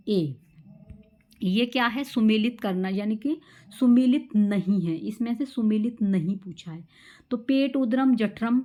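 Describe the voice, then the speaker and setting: A woman's voice: medium pitch, darkish tone. Female teacher, quizzing exam-prep lesson, close mic. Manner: quizzing, drills answers with catchphrases.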